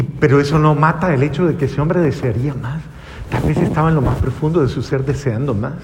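A man's voice: a little high, in a large hall, slight background noise. A man preaching a sermon, telling the story dramatically and acting out the voices in it. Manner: dramatic storytelling with acted-out quotes and big swings in loudness.

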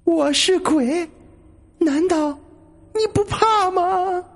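A man voicing a vengeful female ghost in blue robes, who stretches every word out in a quavering, drawn-out wail. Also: very high-pitched, pitched above the performer's own voice, heavily acted. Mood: eerie menace.

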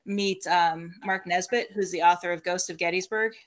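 A woman's voice: lowish voice, fairly even intonation, normal speed. A woman guest on a podcast, casually telling stories about her paranormal work and laughing often between sentences. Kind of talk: casual storytelling interview.

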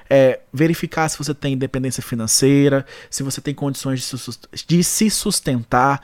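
A man's voice: mid-range voice, dry recording. A Brazilian man hosting a podcast in a casual, campy, effusive and theatrical way. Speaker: podcast host. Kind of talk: casual chat.

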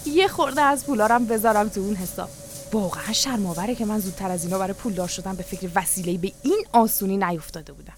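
A woman's voice: mid-range voice, lightly acted. A woman reading an audiobook, voicing a boastful, scheming country father who talks in an eager, coaxing salesman manner. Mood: excited scheming.

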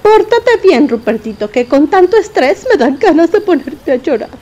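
Una mujer con acento mexicano que da voz a una madre fantasma angustiada y teatral. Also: female voice, high-pitched, very animated, normal speed, warm tone. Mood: tender. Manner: theatrical, wailing, fretful. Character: anxious dramatic ghost mother.

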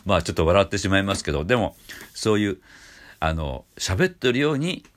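An older Japanese man teaching a singing lesson, explaining calmly with many fillers and small restarts. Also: low-pitched, fairly quick. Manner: explains calmly, breaking off to demonstrate sounds. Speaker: voice trainer. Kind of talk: vocal lesson with demonstrations.

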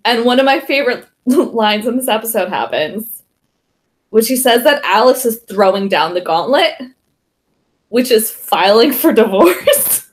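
A woman recaps an episode with her co-host in a loose, chatty way. Her voice is a bit high and swoops around with lively pitch. She fills her sentences with casual asides. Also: a little slow. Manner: chatty, lots of "like" fillers. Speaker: podcast co-host.

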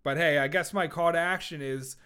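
A man's voice: a little high, a little fast, sharp tone, smooth. Profane, rambling man hosting a podcast. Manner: rambling, profane, jokey, with frequent fillers and restarts. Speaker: podcast host. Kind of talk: casual solo podcast monologue.

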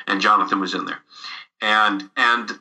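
A man's voice: lowish voice, steady tone, normal speed, bright, forceful tone, poor audio. A middle-aged man casually telling a behind-the-scenes story as a guest, chuckling often and restarting his sentences.

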